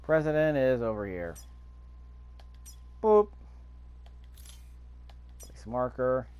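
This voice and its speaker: A man mutters offhand commentary over a video game in a casual let's play, with game sound running beneath his voice. His pitch is medium but swings widely, and he speaks very slowly in a smooth, slightly mellow tone.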